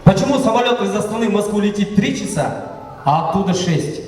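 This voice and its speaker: Man, party toastmaster, jokey quiz patter, high voice, distant mic in a reverberant hall with a crowd. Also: lively intonation, brisk. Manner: playful, joking, quizzing guests. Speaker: wedding toastmaster. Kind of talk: lively party hosting with jokes and quizzes. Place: banquet hall. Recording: echoey banquet hall from far off, crowd.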